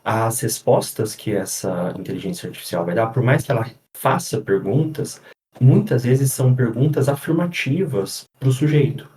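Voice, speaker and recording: A psychologist explaining things in a casual podcast chat, often pausing on fillers and restarting his sentences. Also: mid-range voice, darkish tone. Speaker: psychologist guest. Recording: echoey room.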